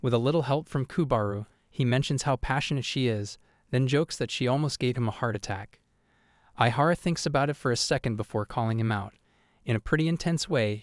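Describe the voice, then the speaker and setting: A man narrating a manga recap in an even, steady, scripted third-person retelling. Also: mid-range voice, no room sound, clean studio sound.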